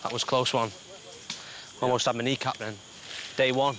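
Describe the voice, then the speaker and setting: A man who works as a hairdresser, talking in an expressive, exclamatory way. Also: mid-range voice, moderate pace. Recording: outdoor noise behind.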